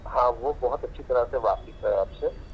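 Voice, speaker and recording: A man's voice: mid-range voice, normal speed, vocal fry, a little hiss or hum. A man on a phone call, polite and humble. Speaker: caller. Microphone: phone on speaker. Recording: dull speakerphone call.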